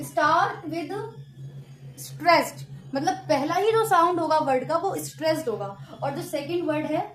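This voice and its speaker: A woman's voice: high voice, reverberant. A young woman teaching an exam-prep lesson on poetry, explaining patiently, repeating key terms and checking that students follow. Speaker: literature teacher. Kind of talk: exam-prep lesson in Hindi-English mix.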